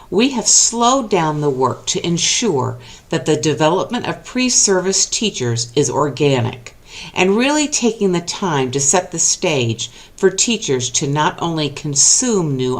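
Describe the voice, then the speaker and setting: A woman school principal giving a prepared, reflective statement in a video clip. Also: sits low. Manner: deliberate, reflective.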